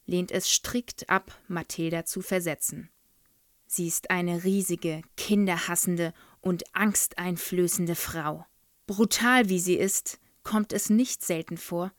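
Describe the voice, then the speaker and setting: A woman presenting a children's book and reading from it in clear, even storytelling. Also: lowish voice, no room sound, studio quality. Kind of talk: book presentation with read-aloud excerpt.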